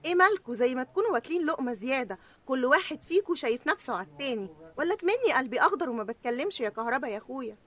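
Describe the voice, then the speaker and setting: A woman's voice: high voice, animated, rapid-fire, a bit bright. A woman with an Egyptian accent voicing a sassy, streetwise ration card who scolds the others.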